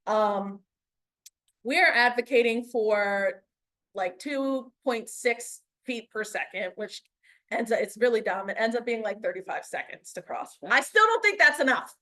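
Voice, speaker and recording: A woman's voice: a little high, expressive, a little slow, sharp tone. A woman giving a frank, colloquial update at a community meeting.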